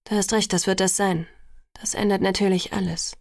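An earnest, serious young male vampire from an audiobook, read by a woman in nearly her own voice. Her tone has a gravelly creak and sounds dry and close to the mic. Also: medium pitch, steady tone, moderate pace, darkish tone, dry recording, lightly acted. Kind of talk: audiobook reading.

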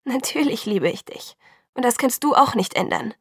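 A woman reading the lines of an anxious young woman in love, soft, hushed and faltering. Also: fairly high pitch, animated, moderate pace, slightly rough, no echo, studio quality, voice pushed up.

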